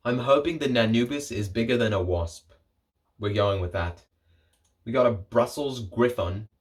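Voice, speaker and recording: A man's voice: mid-range voice, moderate pace. A young man talking in a rambling, jokey way, making casual solo commentary for his video channel and often breaking off his own sentences. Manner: rambling, jokey, self-interrupting. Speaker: vlogger.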